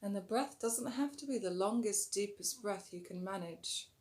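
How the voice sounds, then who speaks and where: A woman's mid-range voice, a little rough today, calmly instructs listeners in a yoga breathing technique. She sometimes lingers on words and speaks more softly while guiding the breath.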